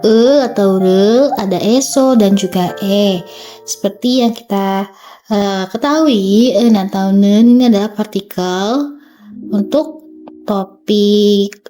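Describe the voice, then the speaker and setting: A woman's voice: medium pitch, mellow. A woman teaching a language lesson, going through workbook exercises step by step in a chatty way and checking in with "okay" as she goes. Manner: explains step by step, reading Korean sentences slowly; chatty, frequent "oke" and "ya". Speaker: Korean language tutor.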